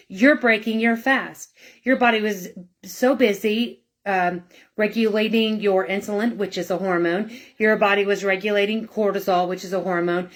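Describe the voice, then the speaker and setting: A middle-aged woman, a nurse and wellness coach, giving casual health advice in a chatty way, often checking in with "okay?" and "right?". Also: medium pitch.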